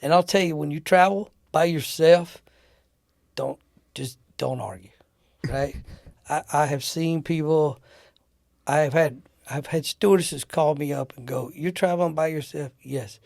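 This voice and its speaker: Man guest, gravelly storyteller, animated, dry close mic. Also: a little high, unhurried, no room sound. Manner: animated, acts out the people in his stories. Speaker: interview guest telling war-era travel stories. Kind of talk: casual storytelling.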